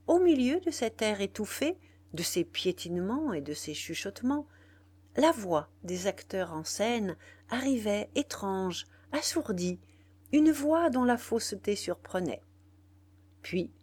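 A woman narrates a classic novel in a measured, expressive style. Her voice is husky and breathy and sits at a medium pitch. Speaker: audiobook narrator. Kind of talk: scripted literary narration.

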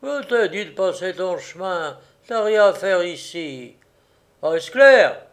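A gruff old woodsman spits out defiant threats, as a male narrator plays him, loud and raised above his calm reading voice. His lines come out quick and hard. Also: sits high. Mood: curt. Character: gruff, furious poor old Polish woodsman.

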